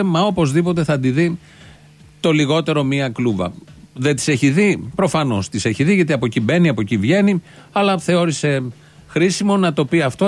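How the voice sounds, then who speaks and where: A man hosting a satirical show, giving scornful political commentary full of rhetorical questions. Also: on the high side.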